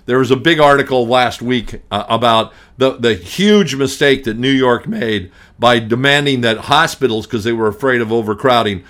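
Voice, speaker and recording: At a moderate pace with hardly any pauses, this man talks in a medium, slightly bright voice. The middle-aged estate planning attorney hosts a radio talk show, ranting emphatically, pounding points through repetition, and frequently restarting in a blunt, grumpy way.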